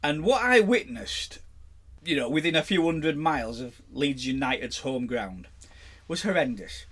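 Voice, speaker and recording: A man's voice: a little high, animated, measured pace, slightly rough. A man with a Yorkshire accent, co-hosting a podcast in casual chat and telling pub anecdotes with frequent laughter. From England. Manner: chatty anecdotal storyteller, laughs often. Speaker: podcast co-host.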